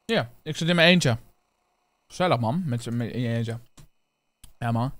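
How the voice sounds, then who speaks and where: A man in his twenties with a Netherlands Dutch accent streams a roleplay game, chatting casually to viewers in a slangy way and swearing often. His voice is medium-pitched and fairly bright, at a moderate pace, with no room sound.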